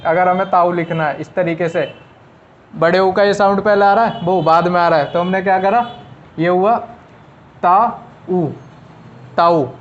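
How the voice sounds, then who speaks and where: A man with a fairly high voice teaches a shorthand class, talking casually and going over each step again as he writes it out. The sound is a little dull and lo-fi. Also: steady tone, moderate pace. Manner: talks while writing on a board, repeats and explains step by step.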